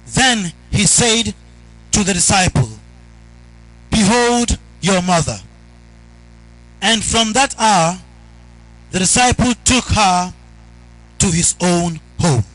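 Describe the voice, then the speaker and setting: A male priest delivers a solemn Gospel reading, half intoned. His voice sits high for a man, and he moves through each phrase very slowly. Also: animated, a bit bright, rough recording.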